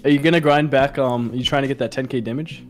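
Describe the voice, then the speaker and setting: A man's voice: mid-range voice, fairly even intonation, quick pace, soft background music. Easygoing male gamer, mid voice. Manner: easygoing, chatty. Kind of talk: casual gaming chat.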